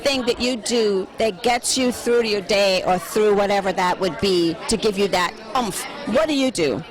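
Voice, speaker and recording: A woman's voice: mid-range voice, normal speed, music in the background. A woman interviewer doing upbeat, gushing, complimentary red carpet chatter. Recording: loud event crowd behind. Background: busy gala crowd.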